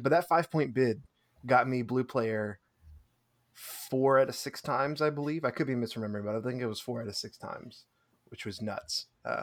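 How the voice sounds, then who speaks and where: A man's voice: mid-range voice, fairly bright tone. A man co-hosting a podcast, chatting casually and self-deprecatingly with frequent laughter. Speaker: podcast co-host. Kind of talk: casual chat recapping a tabletop tournament.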